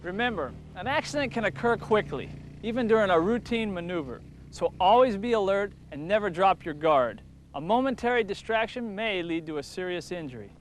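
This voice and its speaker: A man's voice: high voice, expressive, fairly quick, slight background noise. A man narrating a scripted safety lesson with firm, cautionary instructions, heard from a worn VHS tape copy. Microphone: voice-over. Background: country guitar music.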